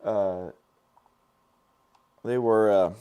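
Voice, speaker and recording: Speaking very slowly in a lowish, dark voice with fairly even intonation, a middle-aged man who is hoarse and losing his voice hosts a relaxed live stream. A dental lab technician, he works while rambling to viewers, full of fillers and restarts.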